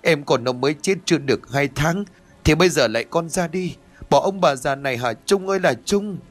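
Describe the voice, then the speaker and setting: A man's voice: a little high, lively intonation, moderate pace, breathy edge, faint music behind, pitched above the performer's own voice. A man voicing a grieving mother who wails and lashes out in an audio ghost story. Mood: wailing. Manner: wailing, accusing. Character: grieving mother, wailing and hysterical.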